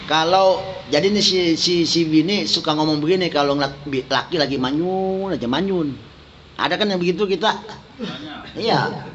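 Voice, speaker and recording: A man's voice: fairly high pitch, moderate pace, a little hiss or hum. Jakarta-accented man teaching religious text. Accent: Jakarta Betawi. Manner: reads Arabic then explains in joking street slang. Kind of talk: kitab study lesson. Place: indoor prayer gathering room. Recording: echoey room, dull lo-fi sound.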